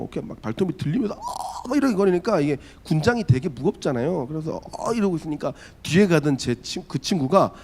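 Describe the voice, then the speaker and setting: A man in his forties, a pastor preaching a sermon, telling a story and acting out the people in it with big jumps in his voice. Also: husky. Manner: animated, acts out quotes with big pitch jumps. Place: church.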